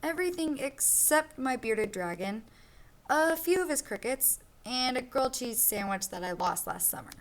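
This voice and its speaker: Voiced by a woman reading aloud, a sloppy and cheerful little storybook boy recounts his own story at normal speed. His fairly high voice carries expressive emphasis and childish bragging in a matter-of-fact mood, with slight background noise.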